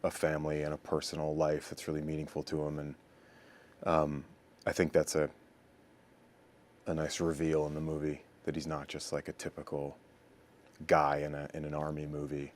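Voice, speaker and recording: Very deep, flat-voiced man. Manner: halting, searching for words. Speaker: actor. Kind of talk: interview talk about a character.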